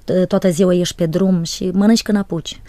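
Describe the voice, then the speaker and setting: Woman, low mellow voice, earnest and soft-spoken, dry sound. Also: fairly even intonation, no echo. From Republic of Moldova. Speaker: guest, evangelist's wife. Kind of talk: interview testimony.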